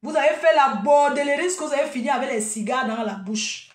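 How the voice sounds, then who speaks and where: Combative high-voiced woman, echoey room. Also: a little fast, far from the mic. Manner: combative, mocking, laughing. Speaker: event promoter. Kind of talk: live video rant.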